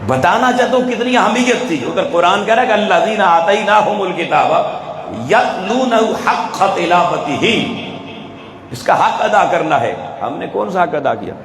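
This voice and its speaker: A man's voice: sits high, animated, few pauses, a bit bright. Pakistani man preaching in an echoey hall. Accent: Pakistani Urdu. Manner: rhetorical questions, urging the audience directly. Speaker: religious speaker. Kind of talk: sermon to a live audience. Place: event hall with an audience. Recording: echoey hall, faint ambience.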